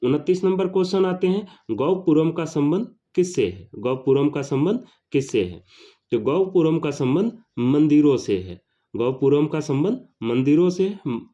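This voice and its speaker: A male teacher goes through exam questions, repeating each question and its answer. His warm, mellow voice sits on the high side with lively intonation and an unhurried pace, though the recording is dull and lo-fi.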